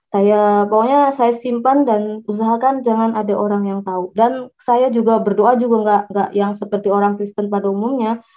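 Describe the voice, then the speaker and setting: A woman from Java telling her conversion testimony in a halting way, with many restarts and fillers. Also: mid-range voice, fairly even intonation, warm tone. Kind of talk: personal testimony storytelling. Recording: dull lo-fi recording.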